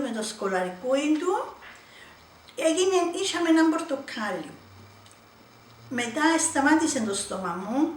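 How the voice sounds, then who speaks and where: A middle-aged woman with a Cypriot Greek accent, giving a personal church testimony with emotional, hesitant storytelling. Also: high voice. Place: church hall. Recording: echoey room, distant mic, faint noise.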